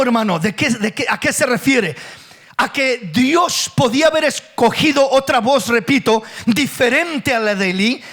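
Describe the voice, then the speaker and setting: High-voiced pastor preaching a sermon. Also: male voice, a bit bright. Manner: preaching with questions and acted quotes.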